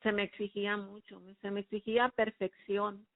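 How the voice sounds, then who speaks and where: A woman's voice: mid-range voice, flat delivery, normal speed, dry recording. A woman giving a personal faith testimony, recounting her past in an earnest, emotional way. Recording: phone-like narrow sound, dry.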